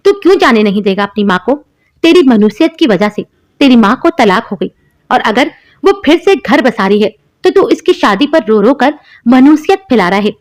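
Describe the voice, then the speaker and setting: A woman's voice: on the high side, very animated, moderate pace. A woman voicing a harsh, spiteful sister-in-law who taunts and scolds in a cartoon story. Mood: angry. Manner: sharp, taunting.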